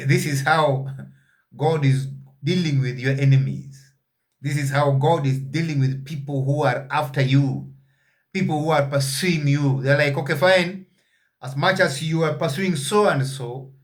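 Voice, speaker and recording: Guy doing a slow bible reading and commentary, kinda high voice, lots of uh's, asks the viewers questions. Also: a bit bright. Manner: reads verses then explains them, asks listeners questions; halting, with frequent "uh" fillers. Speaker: Bible teacher.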